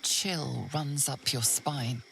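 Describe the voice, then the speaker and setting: A woman acting as a grave, mysterious narrator of a fantasy video game, measured and theatrical. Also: a bass voice, gravelly, noisy background, exaggerated voice. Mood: ominous. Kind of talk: scripted second-person game narration.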